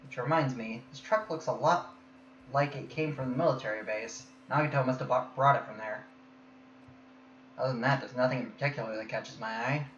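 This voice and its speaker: A man's voice: mid-range voice, fairly quick, fairly bright tone. A man reading the main character's lines and narration aloud during a casual group game session, laughing between lines. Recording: echoey, muffled audio with faint noise.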